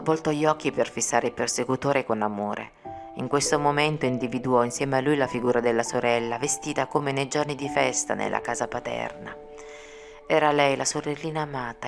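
A woman narrating an audiobook in a measured, solemn reading. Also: very deep voice, gravelly. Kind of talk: scripted narration. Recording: music playing behind. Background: music.

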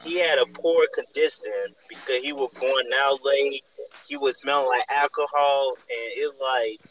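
A man's voice: medium pitch, a little slow, fairly bright tone, lo-fi sound, a little hiss or hum. A man in casual chat, telling a long, rambling basketball story with many fillers.

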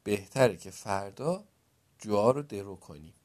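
A practical older brother from a storybook tale, voiced by a male narrator, speaking low and reasonably as he tries to settle things. He sounds patient but worn down. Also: animated, a little mellow, lightly acted. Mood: giving in. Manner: reasoning, gives in then insists.

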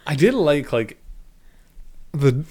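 A man's voice: fairly high pitch, sing-song, slow, a little mellow. A man co-hosting a podcast, chatting casually and laughing often. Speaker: podcast co-host. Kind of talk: casual chat about an anime.

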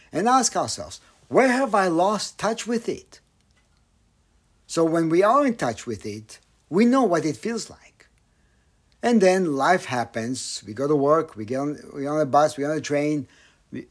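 A man giving a Buddhist dharma talk, slow and reflective, with pauses and some phrases dropped almost to a whisper. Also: fairly high pitch. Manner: slow, pausing, with soft near-whispered phrases. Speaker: meditation teacher.

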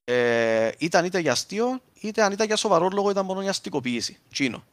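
A man's voice: sits high, big pitch swings, dry recording. Man with a Cypriot Greek accent, dry sound. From Cyprus. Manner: speaks in Cypriot dialect, switching to standard terms. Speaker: linguist speaker. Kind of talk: informal explanatory talk with examples.

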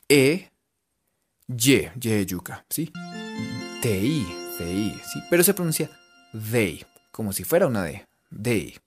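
A man with a Colombian accent teaches English over local radio in a playful, chatty way. He spells out words letter by letter and keeps checking in with his listeners. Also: mid-range voice.

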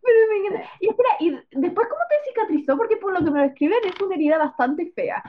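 Young woman host, high lively voice, exclamatory, tinny sound. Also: quick pace. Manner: reactive, exclamatory. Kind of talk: casual chat.

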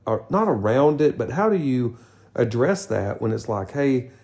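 Man in his fifties, casual podcast co-host, mid-pitched voice, loose rambling delivery. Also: sing-song, moderate pace, a little mellow. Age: 50s. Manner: rambling, restarts sentences often. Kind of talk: casual chat.

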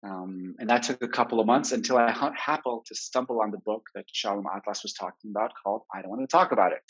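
A man's voice: fast talker, breathy edge. Man in his forties on dull lo-fi webinar audio. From Israel. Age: 40s. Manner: candid, reflective storytelling. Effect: low quality webinar stream audio. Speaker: therapist presenting a webinar. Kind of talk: personal storytelling lecture.

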